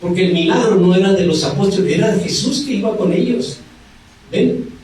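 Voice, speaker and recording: High-pitched preacher in an echoey hall. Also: male voice, moderate pace, noisy background. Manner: animated, rising and falling emphasis, acted quotes. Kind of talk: sermon. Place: church hall. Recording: very echoey hall, mic far off.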